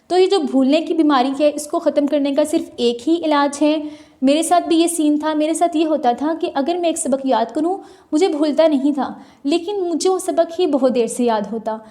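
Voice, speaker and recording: A woman's voice: high-pitched, mellow. A woman, chatting through viewer questions in a casual vlog, recorded on a mobile phone. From Pakistan. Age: 20s. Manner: chatty, answers viewer questions one by one with practical advice. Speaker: student vlogger.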